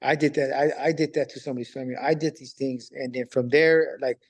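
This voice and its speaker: A man's voice: mid-range voice, fairly even intonation, fairly quick. Casual man telling a story. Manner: casual street talk, acts out past dialogue, repeats himself. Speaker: podcast guest recently released on parole. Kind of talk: telling a personal story in conversation.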